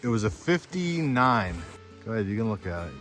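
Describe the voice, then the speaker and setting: A man vlogs his metal detecting in a snowy forest near old railroad tracks, talking a little fast in a lowish voice with soft music in the background. He is chatty and excited, thinking aloud as he digs up each find for the camera.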